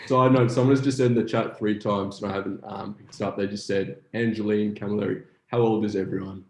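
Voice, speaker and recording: A man's voice: fairly low pitch, steady tone, fast talker. A young man hosting a reunion on a video call, reading out viewer questions with some hesitant fillers. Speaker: host. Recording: roomy echo with faint noise.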